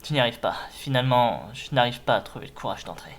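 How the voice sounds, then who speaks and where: A man's voice: medium pitch, lively intonation, fast. Man as a timid, dejected little game creature. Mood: discouraged. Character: timid, self-pitying little creature longing to be brave.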